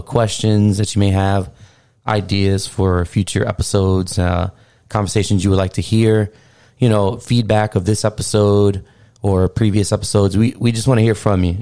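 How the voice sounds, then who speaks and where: A man's voice: on the low side, mellow. A middle-aged man speaking casually as a podcast co-host.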